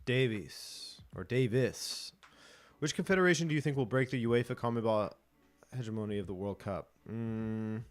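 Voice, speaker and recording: A man's voice: mid-range voice, normal speed, soft background music. A man hosting a live football watch-along stream, chatting casually, chuckling and reading viewer comments aloud.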